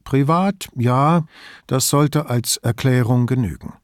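Man doing a wry calm police commissioner. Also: mid-range voice, slow pace, dry recording, clean studio sound, close to an everyday voice. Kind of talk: audiobook character voice.

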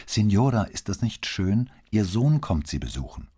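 A man reading an audiobook voices a patient, devout young nun who speaks clearly and soothingly. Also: lowish voice, sing-song, moderate pace, dark tone, voice pushed up. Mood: coaxing.

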